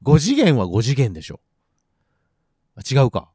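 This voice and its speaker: Man, casual podcast chat, wide swinging pitch, mid voice. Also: wildly swooping pitch, moderate pace, mellow, breathy edge, no room sound, studio quality. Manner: playful, joking, laughs often. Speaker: podcast co-host, saxophone player.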